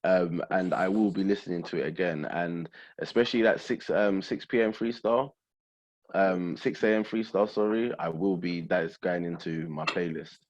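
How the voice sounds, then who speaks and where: A man's voice: low voice, steady tone, moderate pace, darkish tone, dull audio. A man chatting casually and in slang as a podcast host about music. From Essex, England. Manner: slangy, informal.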